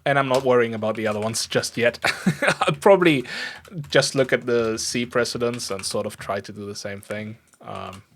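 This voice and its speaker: A German man with a German accent chats casually and self-deprecatingly while coding on a livestream, seated indoors at his computer desk. His mid-range voice moves at a normal speed, with slight background noise.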